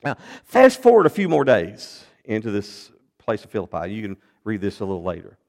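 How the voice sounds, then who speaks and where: A man preaching a sermon, retelling a Bible story in an animated storytelling manner with big swings in pitch and loudness. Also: brisk.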